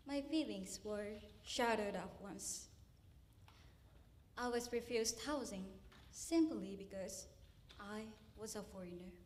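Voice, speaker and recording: Young woman student giving a speech on an auditorium stage, high voice, earnest, pauses for emphasis. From Japan. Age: young adult. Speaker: university student speech contestant. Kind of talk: memorized speech contest address.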